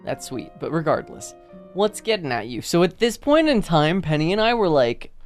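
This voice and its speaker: A woman's voice: low-pitched, sing-song, moderate pace, soft background music. A woman co-hosting a podcast, playful and chatty, reading old messages aloud. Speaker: podcast co-host.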